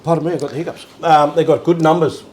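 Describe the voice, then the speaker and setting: A man co-hosting a casual chat at home, relaxed and rambling with lots of fillers. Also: a little high, fast, low-quality recording. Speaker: co-host.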